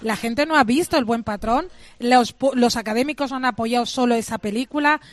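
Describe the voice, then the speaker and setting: A woman's voice: fairly high pitch, brisk, no room sound. Blunt woman film critic. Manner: blunt, emphatic, frank. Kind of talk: radio talk, opinionated commentary.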